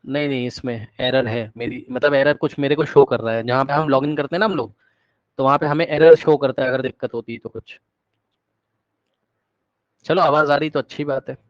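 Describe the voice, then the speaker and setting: In a live online lecture, an energetic male teacher of medium pitch coaxes his students with questions and prods them by repeating words rapidly. The recording has the dull, dry sound of online-class audio, without echo.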